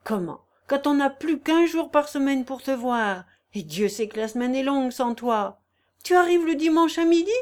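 A woman reading aloud plays an old man who scolds a dear friend fondly, with exclamations. The pitch is raised and animated. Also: normal speed. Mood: fond scolding.

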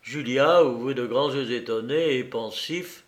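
A man narrating a classic novel in a measured, unhurried reading. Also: medium pitch. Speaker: audiobook narrator.

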